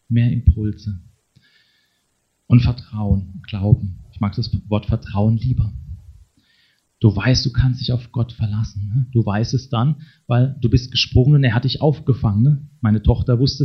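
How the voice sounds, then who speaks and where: Husky-voiced man preaching conversationally. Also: mid-range voice. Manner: talks to the congregation directly, tags sentences with a questioning "ne?". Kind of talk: conversational sermon. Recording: dull lo-fi sermon recording.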